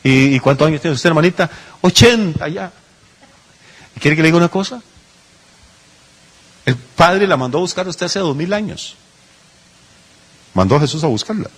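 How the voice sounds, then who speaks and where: A male pastor delivers a sermon, in a voice pitched a little high with a husky edge. He talks to the congregation as if chatting, asking rhetorical questions and briefly acting out the people in his examples. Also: lively intonation, moderate pace, pauses often. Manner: conversational preaching with rhetorical questions and acted-out asides.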